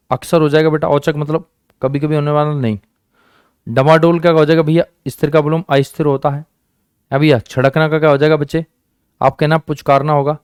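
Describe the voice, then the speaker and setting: A man's voice: fairly high pitch, darkish tone, clear, resonant tone, no echo, clean studio sound. A man teaching an online exam-prep class, coaxing his students, repeating each question and answer and calling them friends and children. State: sore hand, says it hurts.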